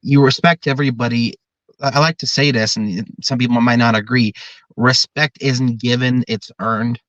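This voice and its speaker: A young man in his early twenties talks earnestly and at length about running his organization. His voice sits at an ordinary pitch. The recording is dull and dry, with no room around it. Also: steady tone, moderate pace, a bit bright, no echo. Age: 20s. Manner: earnest, talkative, explains at length. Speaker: drum corps director. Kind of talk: podcast interview.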